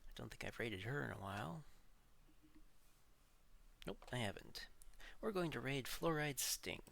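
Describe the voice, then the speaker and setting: A man's voice: medium pitch, expressive, a little slow, creaky, a bit bright. A man chatting casually on a gaming livestream in short offhand remarks, with keyboard and mouse clicking in the background. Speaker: live streamer. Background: computer keyboard typing and mouse clicks.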